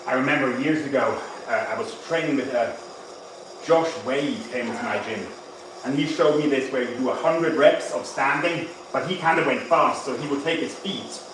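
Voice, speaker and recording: A man born in Tennessee and raised in Ireland speaks at medium pitch and moderate pace, with background noise. He's a bodybuilding coach chatting casually and rambling with his live-stream audience at the gym, answering chat between sets while he trains.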